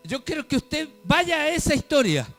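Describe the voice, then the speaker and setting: A man with a notably high voice preaches fervently at a church service, addressing the congregation as brothers and posing question after question. Soft music plays faintly behind him. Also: very animated, normal speed. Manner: fervent preaching, calls listeners "hermano", rhetorical questions. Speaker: pastor. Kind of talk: sermon. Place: church service, filmed for a web show.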